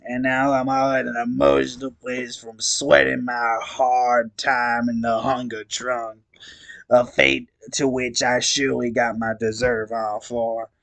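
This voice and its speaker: A man voicing a crude, repentant male clown troll who rants slowly and swears through his tears. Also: medium pitch, little pitch movement, gravelly, a bit bright, no echo. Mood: tearful ranting. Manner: slow drawling rant full of swearing.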